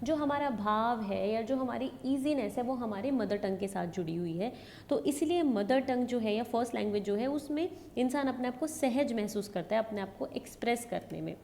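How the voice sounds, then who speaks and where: This education lecturer, a North Indian-accented woman, sounds a little high and animated with vocal fry and a darkish tone, at normal speed. Her explanations blend in English words and restate main ideas differently, captured in an echoey hall with noise behind.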